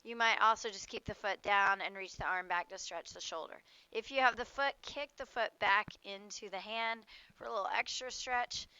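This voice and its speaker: Female yoga instructor, casual and playful, cueing moves and breath in short phrases; crisp, bright voice, dry sound. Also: mid-range voice, normal speed, no echo, muffled recording. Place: outdoors.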